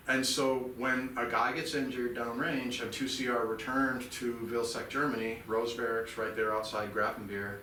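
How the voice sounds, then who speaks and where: A middle-aged man, a veteran nonprofit founder appearing as a podcast guest, tells his story in an earnest, rambling way. His medium-pitched voice sounds pushed and bright. The recording is roomy and distant from the mic, with a little hiss or hum.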